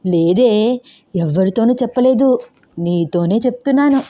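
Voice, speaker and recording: A woman voicing a bossy, scheming grandmother in her seventies who scolds loudly and talks slyly. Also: on the high side, animated, a little slow. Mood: sly, confiding. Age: over 60. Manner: shouting, scolding, sly.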